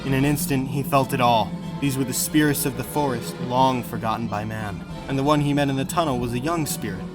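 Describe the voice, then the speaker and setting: A man with a mid-pitched voice narrates an adventure audiobook at a fairly quick pace. His delivery is scripted and dramatic, with music clearly audible behind him.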